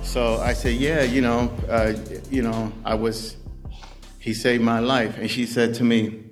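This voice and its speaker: Slow-talking New man telling a story. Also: mid-range voice, level tone, soft background music. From Puerto Rican heritage. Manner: conversational storytelling with frequent "you know" and acted-out quotes. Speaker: recovery speaker. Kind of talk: storytelling share at a recovery meeting.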